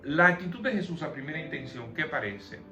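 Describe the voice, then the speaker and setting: A man's voice: on the high side, expressive, brisk. A man leading a conversational Bible study, explaining the passage and posing questions to his listeners. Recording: echoey room with soft music behind.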